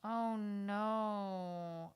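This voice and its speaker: A young woman co-hosting a podcast in casual chat, animated and incredulous, laughing often. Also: mid-range voice, extremely slow, clean tone. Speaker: podcast co-host.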